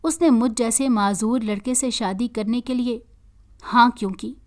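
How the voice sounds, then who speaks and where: A woman storyteller reading a moral story in an earnest, steady way. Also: a little high, unhurried. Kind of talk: scripted story narration.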